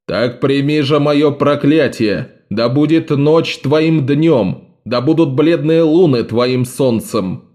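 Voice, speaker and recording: A man's voice: fairly high pitch, darkish tone, voice pushed up. A man doing a domineering masked sun priest. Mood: commanding. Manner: proclaiming, commanding, slow. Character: menacing man in a bronze sun mask, domineering.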